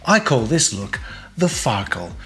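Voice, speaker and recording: A man's voice: medium pitch, big pitch swings, measured pace, vocal fry, fairly bright tone, soft background music. A man hosting a casual fragrance review video, chatty and wry, with self-deprecating humor.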